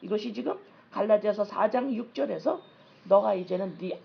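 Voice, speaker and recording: A woman's voice: mid-range voice, normal speed, vocal fry, dull audio. A woman pastor preaching a sermon in a conversational, repetitive way and reading scripture aloud. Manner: conversational, repetitive preaching that acts out little dialogues.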